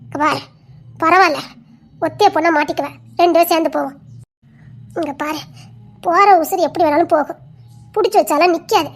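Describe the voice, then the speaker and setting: A woman's voice: very high voice, brisk, pauses often. A woman performing every role in a family audio drama, moving between frightened, pleading and stern characters, with breaks of laughing and crying. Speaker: storyteller voicing every character.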